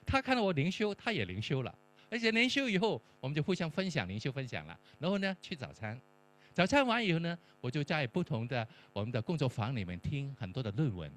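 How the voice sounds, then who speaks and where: A middle-aged man tells a testimony-style story with a lively, swinging pitch. His voice sits a little high, and he acts out the voices in the dialogue. A faint mains hum runs under the recording. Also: fast. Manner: animated storyteller acting out dialogue. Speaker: professor and church mentor.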